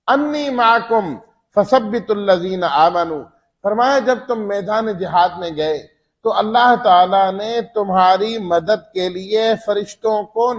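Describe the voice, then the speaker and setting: A man teaching Quran commentary in a sermon style, reciting verses and then explaining them point by point in an earnest manner. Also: high voice.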